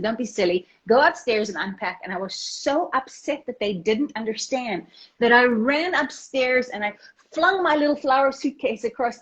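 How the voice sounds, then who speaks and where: Lively South African woman on a video call. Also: fairly high pitch. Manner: lively storyteller, animated quoting. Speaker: guest. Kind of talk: casual interview chat. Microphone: video call from a laptop or phone. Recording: dull lo-fi video call audio.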